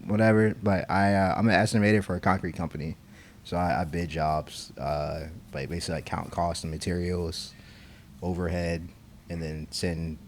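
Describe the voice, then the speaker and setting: This young concrete estimator co-hosts a podcast, chatting loosely and rambling with plenty of fillers and restarts. His low-pitched voice moves little in pitch, and he speaks at a normal speed.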